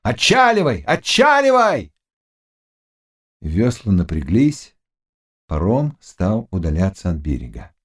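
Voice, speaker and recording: A male audiobook narrator reading a classic novel in an expressive, dramatic way. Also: on the low side.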